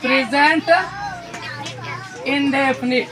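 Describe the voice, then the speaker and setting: Male schoolteacher, high voice, quizzing pupils over a noisy crowded classroom. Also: little pitch movement, slow pace. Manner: quizzes the class, tags questions with "re". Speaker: teacher. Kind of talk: classroom grammar lesson. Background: children's chatter and noise.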